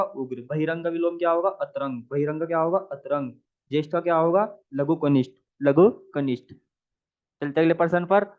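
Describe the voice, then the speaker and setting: Man repeating answers over a tinny line. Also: fairly high pitch. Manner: repeats each question and answer several times; asks the viewer questions, then answers them. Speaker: Hindi exam tutor. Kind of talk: exam practice lesson. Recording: tinny phone-like audio.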